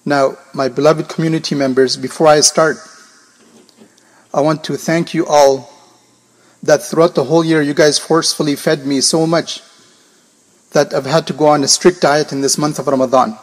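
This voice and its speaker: Coarse-voiced male preacher, slightly high. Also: level tone, moderate pace, pauses often. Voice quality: coarse, gravelly. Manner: formal, emphatic, repeats points in synonyms. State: sore throat, coarse hoarse voice. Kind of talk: sermon to a congregation.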